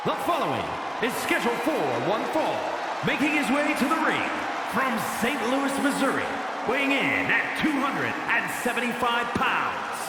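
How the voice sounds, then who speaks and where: A man's voice: huge pitch swings, very noisy. Male ring announcer, wildly swooping delivery, cavernous PA reverb, crowd roaring. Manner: drawn-out, booming name announcements. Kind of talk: formal ring introductions. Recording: echoing arena PA, loud crowd. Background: roaring arena crowd.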